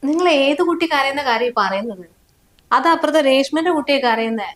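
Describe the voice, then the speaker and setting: A woman's voice: sits high, animated, brisk, a bit bright. A woman acting a wife in a short drama, complaining and hurt in tone. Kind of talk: scripted drama dialogue.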